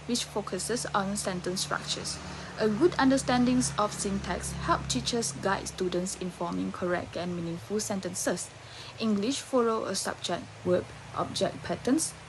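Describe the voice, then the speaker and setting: A young woman, a student who will teach English, giving a class presentation in a steady read-out way. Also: medium pitch, a little hiss or hum, rough recording.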